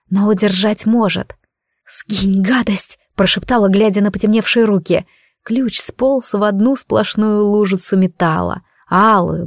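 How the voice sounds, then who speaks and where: A woman's voice: medium pitch, no echo. Female narrator for a first-person fantasy audiobook, emotional read, dry booth. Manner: expressive, emotional reading.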